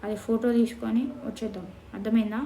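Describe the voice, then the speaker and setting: A high-voiced woman performs comic skit dialogue in an animated, bossy way. The recording is roomy and echoey, with faint noise underneath. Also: fast talker. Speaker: comedy sketch performer.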